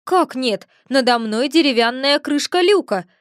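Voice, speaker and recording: A well-mannered, frightened man, as a woman reads him begs and whines to be freed. The voice sits high and pleading, recorded dry and close. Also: animated, measured pace, no room sound. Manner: pleading, whiny, courteous. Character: polite, frightened young man trapped underfloor.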